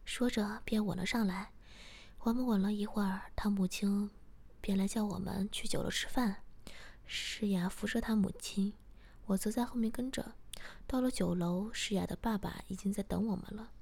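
Soft, half-whispered woman storyteller. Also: mid-range voice, steady tone, normal speed, gravelly, husky. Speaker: story reader. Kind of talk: first-person story narration.

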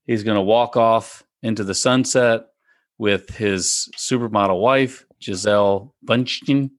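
A man's voice: lowish voice, steady tone, measured pace, dry recording, clean studio sound. A man in casual sports talk among friends, repeating his predictions emphatically with many restarts. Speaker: podcast co-host.

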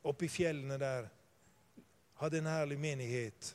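An older man preaching a sermon, telling stories and swinging from quiet asides to loud, fervent emphasis. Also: on the high side, fairly even intonation.

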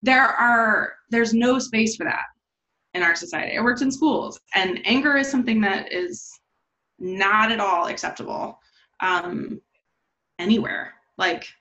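A woman's voice: on the high side, a little slow, bright, forceful tone. Candid, swearing woman in casual chat. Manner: candid and profane, says "like" often. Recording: slightly dull lo-fi sound.

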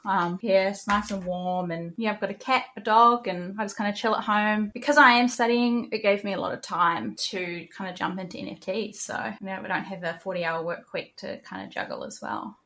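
A woman speaks as an interview guest. Her voice sits at a middling pitch and she talks in a loose, candid way, scattering "like" and "kinda" as she goes. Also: brisk, few pauses, sharp tone. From New Zealand. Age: 20s. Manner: chatty and candid, with many "like" and "kinda" fillers. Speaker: guest, community moderator. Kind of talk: casual interview chat.

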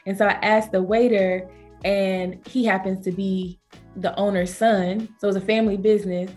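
A Southern-accented woman from Georgia, USA, founder of a travel company, shares travel stories as a guest in a relaxed interview. Speaking at normal speed, she jumps up in pitch to play out other people's lines, which keeps things animated. Faint, soft music runs in the background.

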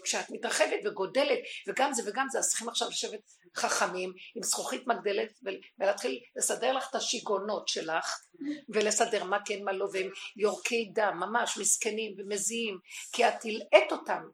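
A woman giving an impassioned religious teaching, swinging from hushed, intimate tones to crying out. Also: mid-range voice, vocal fry. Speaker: spiritual teacher. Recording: echoey room recording.

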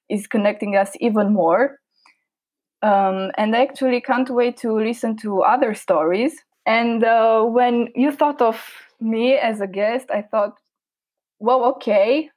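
A woman's voice: medium pitch, a little mellow, poor audio. Earnest woman guest from Romania. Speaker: podcast guest. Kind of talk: casual interview chat.

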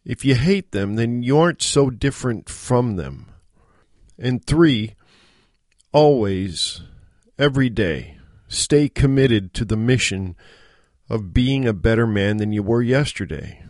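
A middle-aged American man hosting a solo podcast, speaking in an earnest, measured, exhorting monologue. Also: mid-range voice, animated, darkish tone, no room sound, clean studio sound. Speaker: podcast host. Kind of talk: solo monologue on self-improvement.

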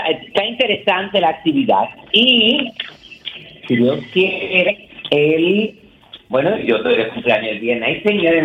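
A woman's voice: fairly low pitch, reverberant, highs cut off, a little hiss or hum. A woman co-hosting a radio show, chatting casually about celebrity gossip and rambling with many fillers.

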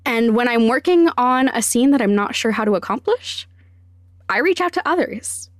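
A podcast host who also works as a sound designer gives scripted explanations, dropping in wry, self-deprecating asides. Her voice is fairly high with lively intonation and a moderate pace, captured as clean studio audio with no room sound.

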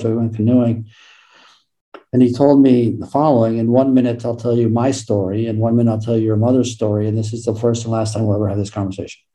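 A middle-aged American man, an author and law professor, answering interview questions with self-deprecating stories and lively quoted dialogue. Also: on the low side, rough recording. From United States.

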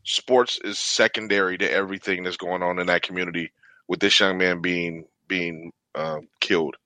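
A man's voice: low voice, steady tone, moderate pace, bright, forceful tone, no echo. A man co-hosting a casual sports podcast, talking earnestly and conversationally, filling his lines with "man" and "you know.". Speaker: podcast co-host.

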